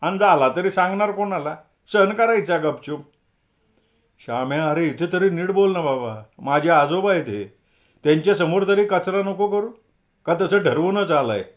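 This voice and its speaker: A man voicing an outspoken, teasing young college man who talks loud and lively. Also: sits high, normal speed, pitched above the performer's own voice.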